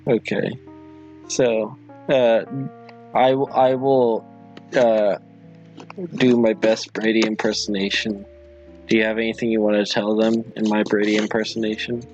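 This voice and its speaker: A man hosting a livestream, chatting casually with viewers in a halting, apologetic, rambling way. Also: lowish voice, flat delivery, a little mellow, muffled recording, soft background music. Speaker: livestream host.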